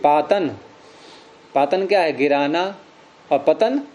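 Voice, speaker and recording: A man's voice: on the high side, slow, a little mellow. A man teaching a grammar lesson, explaining each step patiently and asking questions that he answers himself.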